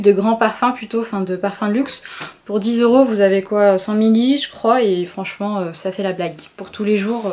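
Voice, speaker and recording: A young woman with a French accent chatting casually to her viewers about her outfit of the day, with lots of fillers. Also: fairly high pitch. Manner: chatty, many fillers, speaks straight to viewers. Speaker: beauty vlogger.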